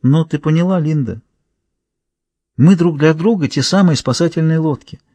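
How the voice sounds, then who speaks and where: Remorseful woman in a thriller audiobook, voiced by a male narrator, gently persuasive, dry close recording. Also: on the high side, moderate pace, dry recording, pitched above the performer's own voice, natural voice. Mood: earnest. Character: remorseful woman reaching out to a friend.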